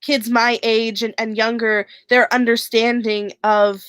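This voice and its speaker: A woman's voice: on the high side, little pitch movement, measured pace, a bit bright, clear, resonant tone, dry recording. A woman interviewing a guest over a video call, asking questions hesitantly with many fillers.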